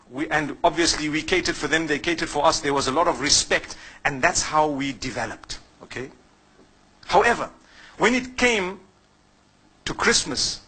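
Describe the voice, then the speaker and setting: A man from Zimbabwe preaches with a bright, high voice that carries a husky edge. He talks to his listeners directly, asks them questions and answers each one himself. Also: low-quality recording. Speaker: Islamic preacher. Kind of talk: sermon.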